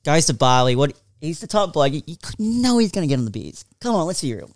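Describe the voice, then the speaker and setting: A man's voice: on the high side, very animated, fast talker. An Australian man hosting a podcast in casual, matey banter. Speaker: podcast host.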